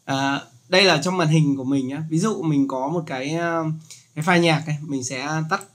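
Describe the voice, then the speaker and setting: A chatty man talks through a casual screen-recorded software tutorial. His voice sits slightly high, and his explanations stay loose and joking. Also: a little fast.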